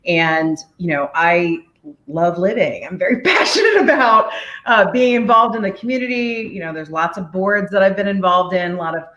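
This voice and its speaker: Low-voiced upbeat woman in her forties. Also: normal speed, reverberant. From United States, DC area. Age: 40s. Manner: energetic, upbeat, laughs often. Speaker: guest, city mayor. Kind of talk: podcast interview, casual.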